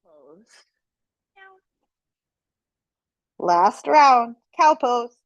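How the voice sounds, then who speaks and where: Slow, gentle woman guiding kids' yoga. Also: on the high side, lively intonation, no echo, highs cut off. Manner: gentle, encouraging, playful cues with animal sounds. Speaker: yoga instructor. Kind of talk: guided kids' yoga instruction.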